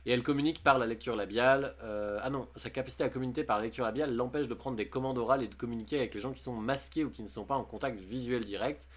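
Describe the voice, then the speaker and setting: A man's voice: medium pitch, racing, hardly any pauses. A man chatting casually on a livestream, reading posts aloud and commenting on them with jokes and frequent laughs. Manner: chatty, jokey, often laughing. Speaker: streamer.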